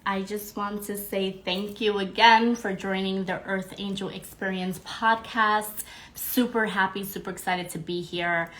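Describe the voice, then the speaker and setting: A young woman hosts a live podcast stream, bubbly as she greets viewers by name between fillers in a casual chat. Her mid-range voice is a bit bright but congested and a little nasal, with a steady tone and slightly slow pace. The recording is low quality.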